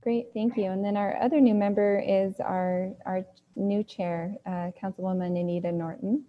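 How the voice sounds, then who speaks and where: A woman running an online council meeting, introducing new members politely and briskly. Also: mid-range voice, steady tone, lo-fi sound, slight background noise. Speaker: meeting facilitator.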